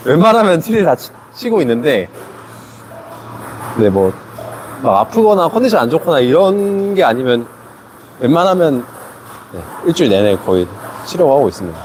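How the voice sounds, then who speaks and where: A man's voice: on the high side, big pitch swings, moderate pace, long pauses, a little mellow, slight background noise. A man hosting a casual live stream in a table tennis hall, a coach who asks teasing questions.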